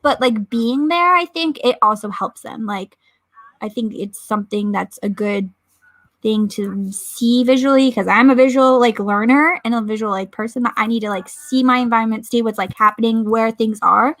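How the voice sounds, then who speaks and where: A woman's voice: a little high, normal speed, fairly bright tone, no room sound. A young woman co-hosting a casual sports chat show, chatty and giggly with lots of fillers. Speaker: podcast co-host.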